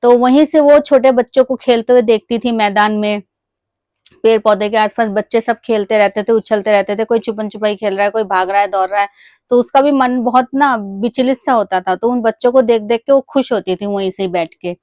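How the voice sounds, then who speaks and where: Woman vlogger telling a little story to her friends watching, chatty, lots of ums, higher voice, dry close sound. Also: fairly quick, no room sound. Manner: chatty, addresses viewers as friends, many fillers; gently acts out a child's excited calls to her mother. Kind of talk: casual storytelling.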